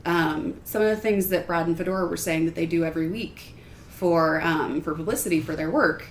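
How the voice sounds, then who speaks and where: Thoughtful woman with a lowish voice. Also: slight background noise. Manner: thoughtful, measured, with pauses and fillers. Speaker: panel guest, writer. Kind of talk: casual panel chat. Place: shared room around a table. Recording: roomy room sound.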